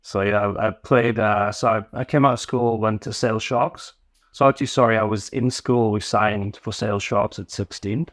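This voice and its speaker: A man from Newcastle with a mixed northern English accent, a podcast guest telling his story in relaxed casual chat, often restarting his sentences. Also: on the low side, normal speed, no echo, clean studio sound. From Newcastle, England.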